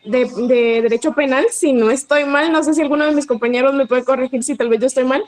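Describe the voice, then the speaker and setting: Hesitant high-voiced female law student. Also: fairly even intonation, quick pace, low-quality recording. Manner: hesitant, with many restarts and self-corrections. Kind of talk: asking a question in class.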